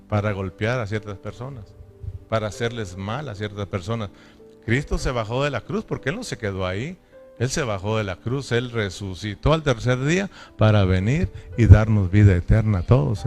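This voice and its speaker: A man's voice: fairly low pitch, a little mellow. A man preaching a sermon as pastor, emphatic and often asking his listeners for agreement. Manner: emphatic preaching with repeated call-and-response questions.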